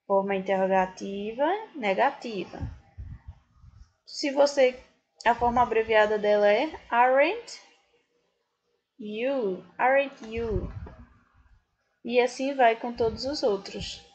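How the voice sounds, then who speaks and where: A woman's voice: a little high, slow, pauses often, husky, highs cut off. A woman from Brazil with a Brazilian Portuguese accent, teaching an English grammar lesson in a patient, explanatory way, speaking directly to her students.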